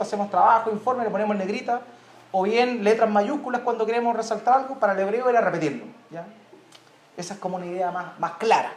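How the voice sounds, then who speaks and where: A man's voice: extremely high pitch, echoey room. A man preaching a sermon in a Chilean Spanish accent, emphatic, repeating key words and checking in with the congregation. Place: church.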